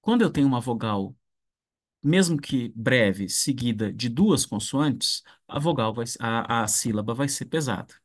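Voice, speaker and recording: A man gives an unhurried online lesson, working through each point aloud. He often restarts his sentences and checks in with the class as he goes. His voice sits at an ordinary male pitch. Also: animated. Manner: slow, thinking aloud with restarts and "né?". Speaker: ancient Greek teacher. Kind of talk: online lecture.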